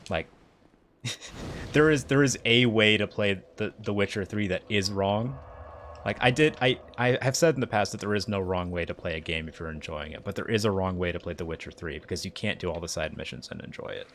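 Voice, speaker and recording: A man's voice: deep voice, brisk, fairly bright tone, slight background noise. A man streaming a video game, chatting casually and rambling upbeat about what he is playing. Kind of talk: casual gameplay commentary.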